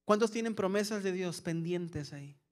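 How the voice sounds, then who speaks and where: A man preaching a sermon as pastor, acting out anxious prayers and answering them softly. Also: high-pitched, moderate pace. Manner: preaching with voiced-out anxious questions and soft calming asides.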